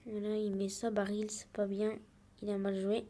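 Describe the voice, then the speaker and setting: Casual woman gamer, talks through each move live, mid-pitched, easygoing let's-play energy. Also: monotone, moderate pace, warm tone. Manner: chatty, narrates each move as it happens. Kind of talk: live gameplay commentary.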